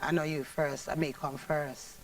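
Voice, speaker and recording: A woman's voice: low voice, level tone, a little slow. A woman voicing a Jamaican woman who turns down a marriage proposal, exclaiming and emphatic, in a Jamaican Patois accent.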